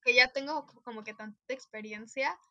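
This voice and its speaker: Young Mexican woman podcast guest, bright sharp tone, high voice, joking exaggerated gripes. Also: a little fast, muffled recording. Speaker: guest, makeup artist. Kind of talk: casual chat.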